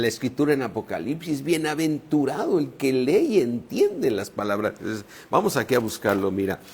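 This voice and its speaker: A man's voice: on the high side, creaky, a little mellow, slightly rough. A male pastor preaching a sermon, reading scripture aloud and leaning hard on key words.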